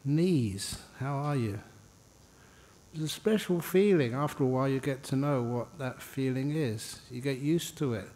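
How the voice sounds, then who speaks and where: Guiding a meditation in a large indoor meditation hall, this Buddhist monk and meditation teacher speaks informally and without hurry, pausing often and adding gentle humour. His medium-pitched voice has a soft-edged, mellow tone.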